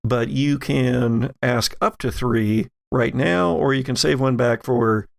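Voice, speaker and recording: Describing scenes as the game master of a tabletop role-playing game, a man gropes haltingly for his words. He has a gravelly voice of medium pitch.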